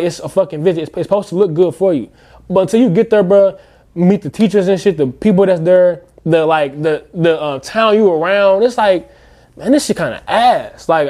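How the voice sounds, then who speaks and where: Man, 20s, from the US: fairly high voice, emphatic profane slang, casual group talk. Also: warm tone.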